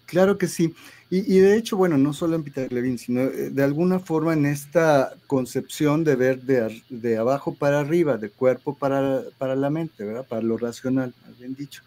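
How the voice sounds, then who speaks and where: A man speaks as a guest therapist at an ordinary middle pitch. He explains at length, often restarting a phrase and closing points with tag questions. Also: normal speed, warm tone. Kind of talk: explanatory interview talk.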